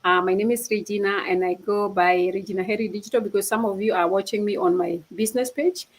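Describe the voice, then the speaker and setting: A woman's voice: mid-range voice, fairly even intonation, quick pace, poor audio. A woman from Kenya hosts a live online stream and speaks earnestly to her viewers. She often repeats and restarts her phrases as she goes, and she comes through a video call setup. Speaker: host of a livestream. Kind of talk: casual livestream talk.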